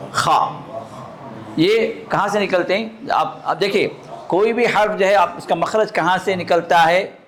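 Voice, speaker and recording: A man teaching a live recitation class to students, sounding out throat letters and asking often if the point is clear. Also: sits high, a bit bright. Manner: demonstrates throat sounds, asks learners to confirm understanding. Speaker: religious teacher.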